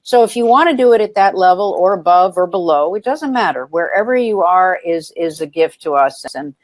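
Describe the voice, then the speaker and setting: Earnest woman guest, low voice. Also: lively intonation, brisk, dry recording. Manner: earnest storytelling with frequent ums. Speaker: nonprofit founder, interview guest. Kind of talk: interview conversation.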